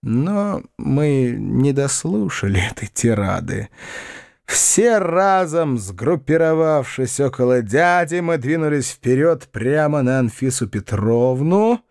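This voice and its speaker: A man narrating a classic novel as an audiobook in a measured, expressive storytelling manner. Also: medium pitch, creaky, no room sound, clean studio sound.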